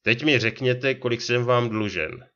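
A man voicing a quiet, terse ghost of a drowned poet in a read-aloud story, on a dull lo-fi recording. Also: mid-range voice, natural voice. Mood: calm. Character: calm mysterious male ghost of a drowned poet.

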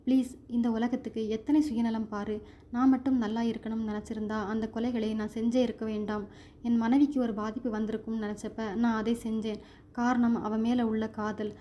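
A man's voice: high-pitched, little pitch movement, normal speed, dark tone, lo-fi sound, slight background noise, lightly acted. A woman voicing a grieving male escaped convict who talks in a pleading, bitter way.

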